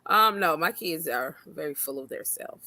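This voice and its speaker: A woman's voice: low-pitched, expressive, normal speed, sharp tone. A woman co-hosting a casual chat show, a mother who is playful and laughs often. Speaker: co-host.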